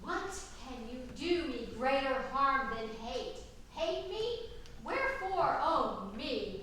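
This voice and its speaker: Woman acting a high-voiced, fierce, jilted Hermia. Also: pushed and bright, exaggerated voice. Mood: hurt, disbelieving. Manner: theatrical, indignant, projected stage delivery. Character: small, fierce, jilted young Athenian woman. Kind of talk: staged reading of Shakespearean comedy. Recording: echoey room from far off, faint noise.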